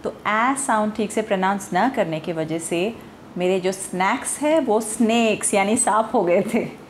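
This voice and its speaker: A woman with an Indian accent teaching English pronunciation, explaining slowly and quizzing the viewer. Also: mid-range voice, a little hiss or hum. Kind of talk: Hindi-language pronunciation lesson.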